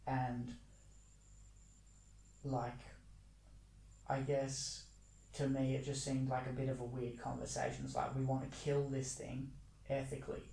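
A man's voice: mid-range voice, monotone, measured pace, vocal fry, long pauses, mellow, echoey room, a little hiss or hum, low-quality recording. A man hosting a casual podcast chat, rambling with lots of fillers. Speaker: podcast host.

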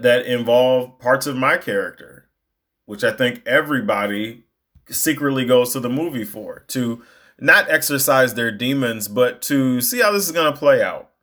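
A young adult man telling a personal story in a casual, animated way, rambling and restarting his sentences as he goes. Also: mid-range voice, normal speed. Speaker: storyteller recounting a movie outing.

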